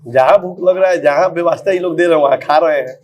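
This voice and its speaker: A man explains his campaign in an earnest, speech-like way, circling back to the same phrases. His voice sits a little higher than most men's. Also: fast, darkish tone. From Bihar. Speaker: politician on a walking campaign. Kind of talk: casual conversational interview.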